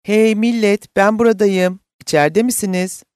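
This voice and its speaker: A man's voice: high-pitched, moderate pace, dark tone, dry recording, clean studio sound, voice pushed up, lightly acted. A man putting on an anxious young daughter. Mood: calling out. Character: young adult woman, a caring, anxious daughter.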